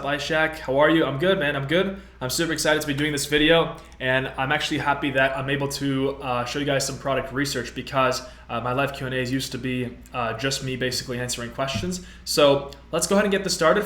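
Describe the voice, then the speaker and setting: A man's voice: mid-range voice, fairly bright tone. A man in his twenties hosting a casual live-stream tutorial, upbeat and chatty, with many fillers as he reads out viewer comments. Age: 20s. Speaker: host. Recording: roomy echo.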